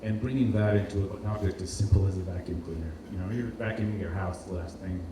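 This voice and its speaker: Low-pitched and fast, a man from Portugal presents informally as a designer, yet hesitates and repeats words as he hunts for phrasing. He is heard in an indoor event space with heavy echo. The live hall recording is distant, roomy and noisy.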